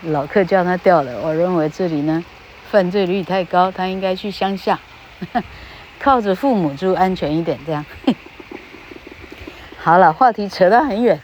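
This pronunciation lesson comes from a woman whose fairly low, darkish voice is unhurried and full of pauses, heard through poor audio with slight background noise. Speaking casually into a podcast mic, she adds little fillers to her sentences and draws out the example words.

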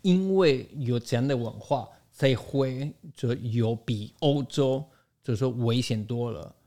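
A man's voice: mid-range voice, a little slow, warm tone. A man speaking as a guest in a casual interview, giving his opinions and explaining them through stories and quoted exchanges. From outside Taiwan.

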